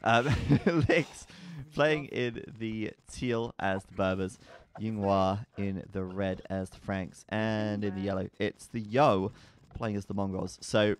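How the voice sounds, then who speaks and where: A man casting an esports match live, chatty and quick to laugh. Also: fairly low pitch, steady tone, smooth. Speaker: esports caster. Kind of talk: live game commentary. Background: faint background music.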